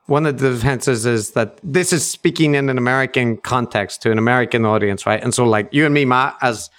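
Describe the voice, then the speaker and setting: A man's voice: medium pitch, fairly quick, fairly bright tone, clear, resonant tone. A man co-hosting a podcast, talking things through with fillers and the odd swear. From Northern Ireland. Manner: thoughtful, many fillers, swears casually. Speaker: podcast co-host. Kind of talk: casual discussion.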